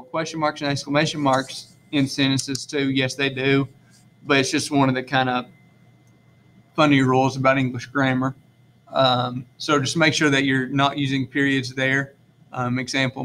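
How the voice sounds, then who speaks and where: A man's voice: mid-range voice, a bit bright, slight background noise. A male teacher, talking through a screen-recorded classroom lesson in a casual, rambling way with many fillers and self-corrections.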